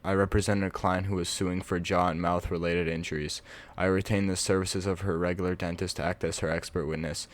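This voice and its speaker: A man reading stories aloud for his vlog in a casual, offhand way, with mumbled asides. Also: low voice. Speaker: Reddit reading vlogger.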